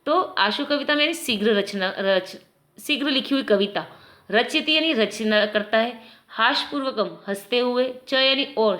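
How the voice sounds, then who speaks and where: A woman teacher explaining a Sanskrit text slowly, word by word, to children. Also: on the high side, bright, forceful tone. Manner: slow, patient word-by-word translation, addressing children. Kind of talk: Sanskrit lesson explained line by line.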